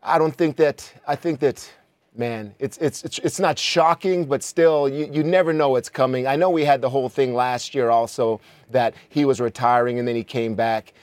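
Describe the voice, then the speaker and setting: Male ex-player analyst, reflective and halting, dry studio sound. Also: medium pitch, steady tone, a little mellow, dry recording. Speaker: former player turned analyst. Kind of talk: sports talk show analysis.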